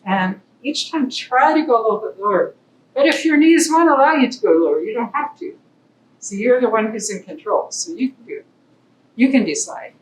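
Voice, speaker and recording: A woman exercise instructor calmly explaining and counting through moves, encouraging. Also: a little fast. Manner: calm, encouraging, counts reps. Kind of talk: demonstrating exercises. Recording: echoey room with faint rumble.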